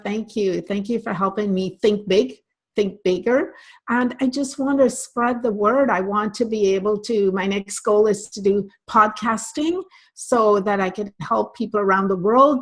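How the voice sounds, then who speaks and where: An older woman from Barbados, a guest coach speaking earnestly and passionately in an online interview, often restarting her sentences. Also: mid-range voice. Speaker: guest, optometry practice coach.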